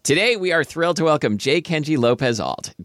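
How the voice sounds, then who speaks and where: A man's voice: a little high, lively intonation, fairly quick, fairly bright tone, no room sound, clean studio sound. A middle-aged man co-hosting a podcast, moving between introductions and casual banter. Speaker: podcast co-host.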